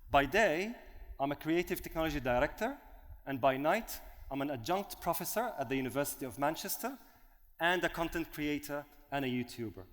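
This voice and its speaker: A man hosting a live networking event, chatty and relaxed, recapping the last talk and introducing the next speaker. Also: a little high, fairly quick. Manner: relaxed, chatty, building to announcer hype. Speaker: event host and moderator. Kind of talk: casual stage hosting. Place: event hall on stage. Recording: long hall reverb.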